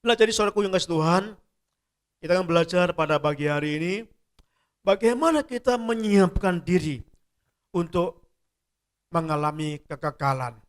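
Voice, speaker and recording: A man's voice: sits high, animated, normal speed, long pauses. A middle-aged man preaching a sermon as a church pastor, telling stories and repeating phrases for emphasis. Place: church service.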